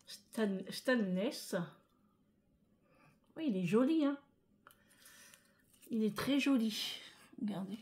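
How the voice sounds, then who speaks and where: A woman from France chatting casually to her viewers in a vlog, emotional and expressive. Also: fairly high pitch, takes it slowly, pauses often. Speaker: vlogger. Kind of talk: casual chat.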